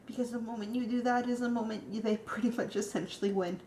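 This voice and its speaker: A woman's voice: on the high side, steady tone, quick pace, warm tone, slight background noise. A woman vlogging casually, rambling and emotional with lots of fillers. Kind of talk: casual vlog. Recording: echoey room.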